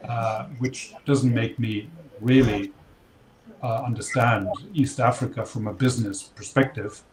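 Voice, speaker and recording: A man in his fifties from Kenya, answering interview questions in a measured, reflective way with some fillers and restarts. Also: mid-range voice. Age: 50s. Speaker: interview guest. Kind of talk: casual interview conversation. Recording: noisy background.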